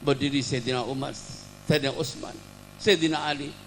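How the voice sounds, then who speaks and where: A man's voice: medium pitch, fairly even intonation, normal speed, slight background noise. A man with a Javanese accent preaching a sermon as a dramatic storyteller. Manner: dramatic storyteller, swelling to emotional peaks.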